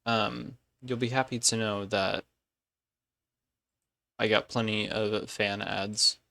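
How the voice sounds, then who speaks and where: Slow, gravelly-voiced male streamer. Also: fairly low pitch, fairly even intonation, sharp tone, no echo. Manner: rambling, corrects himself mid-sentence. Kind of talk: casual live-stream chat.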